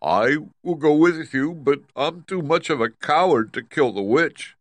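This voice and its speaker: Man voicing the Cowardly Lion, high-strung and earnest. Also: animated, measured pace, no room sound. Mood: resolute but fearful. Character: cowardly male lion, anxious but earnest, pleading.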